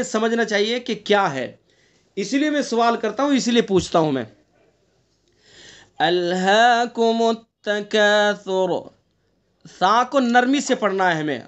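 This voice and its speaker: A man teaching an online class in Quran recitation, questioning his students and explaining each rule step by step, with slow chanted recitation in between. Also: extremely high pitch, fairly bright tone. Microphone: online class connection.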